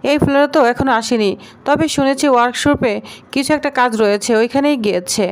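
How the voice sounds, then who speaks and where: A woman's voice: high-pitched, quick pace, natural voice. A woman voicing a timid young female receptionist who answers hesitantly and apologetically. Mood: apologetic.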